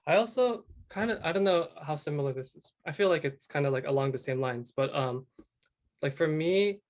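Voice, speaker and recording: A woman's voice: low-pitched, expressive, brisk, darkish tone. A woman born in Hong Kong and raised in Canada, chatting as a guest, laughing often and saying "like" a lot. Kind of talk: casual discussion.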